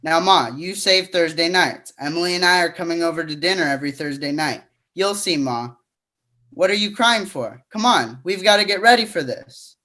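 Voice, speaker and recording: A man's voice: on the high side, moderate pace, sharp tone. A young man voicing a nervous young groom who speaks earnestly in a school play reading. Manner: earnest, restless.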